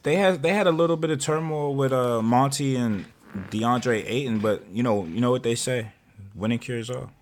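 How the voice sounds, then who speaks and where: Mid-pitched male co-host, easygoing and joking, keeps the chat moving. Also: normal speed, slight background noise. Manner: laid-back, joking, steers the topics. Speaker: podcast co-host. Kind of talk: casual sports chat.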